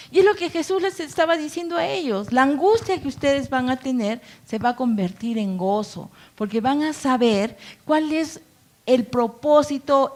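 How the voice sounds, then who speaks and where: A woman's voice: high-pitched, darkish tone. A woman pastor preaching a conversational sermon, full of rhetorical questions and playful acted-out quotes. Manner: acts out quoted voices with playful asides.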